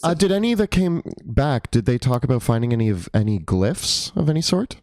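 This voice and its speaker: Animated man in casual game chat. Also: medium pitch, a little fast, no echo, studio quality. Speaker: player in a tabletop game.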